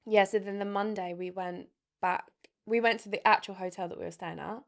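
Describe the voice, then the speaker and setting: A woman's voice: mid-range voice, steady tone, fairly quick, vocal fry. A young woman, co-hosting a casual podcast chat and telling stories with frequent laughter. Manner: chatty storyteller, laughing often. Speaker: podcast co-host.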